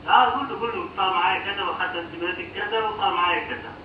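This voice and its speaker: A man's voice: sits high, racing. A man answering a call as a pharmacist, heard over a phone line, asking short, polite questions. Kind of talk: casual phone talk. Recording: muffled, echoey phone line from far off with background noise.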